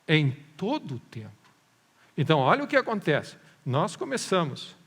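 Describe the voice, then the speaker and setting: A male preacher with a gravelly, raspy edge, swinging his pitch up and down as he pushes rhetorical questions at the congregation. His voice sits a little high for a man. The sound rings with the long reverb of a church hall. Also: moderate pace. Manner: animated preaching, rhetorical questions, mimics doubters. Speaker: pastor. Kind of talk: sermon. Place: church service.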